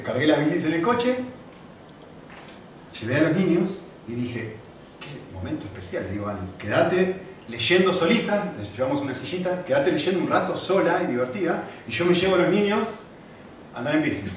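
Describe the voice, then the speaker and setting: A man preaching a sermon, telling stories in an animated way with acted-out quotes. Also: fairly high pitch, normal speed. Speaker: pastor. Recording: very echoey hall, distant mic, faint noise.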